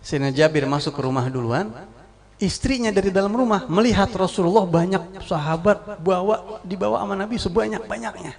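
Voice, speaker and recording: A middle-aged man preaches in a lively, storytelling way. His voice sits a little high and carries a gravelly rasp. He quotes Arabic phrases, explains them, and keeps asking his audience questions. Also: fairly quick. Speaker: Islamic preacher. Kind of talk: storytelling sermon.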